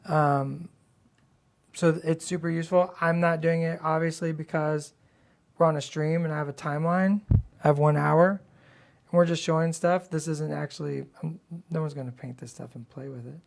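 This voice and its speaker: A woman with a gravelly, slightly worn-out voice, hosting a livestream in casual, blunt, playfully sassy hobby chat. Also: sits low, fairly even intonation, normal speed, a little mellow. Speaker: livestream host.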